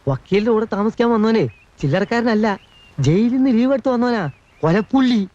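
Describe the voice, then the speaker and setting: A man's voice: high voice, lively intonation, brisk, darkish tone, lo-fi sound. A man playing a meddling, gossipy middle-aged busybody in a comedy film, fussy and lecturing. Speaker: servant-like relative in a comedy film.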